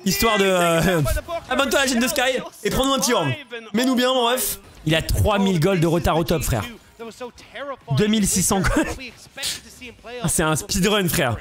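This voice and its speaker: A man co-casting an esports match on his stream, animated, swearing and shouting at plays while talking to his chat. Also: high-pitched, moderate pace, pauses often. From Portugal. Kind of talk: excitable casual commentary. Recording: crowd noise from match stream behind.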